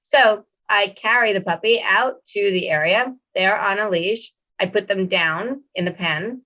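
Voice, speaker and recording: A woman dog trainer hosting a casual roundtable, telling lively stories and acting out what dogs think. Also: medium pitch. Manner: animated storyteller, acts out dogs' thoughts in quick voices. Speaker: dog trainer, show host.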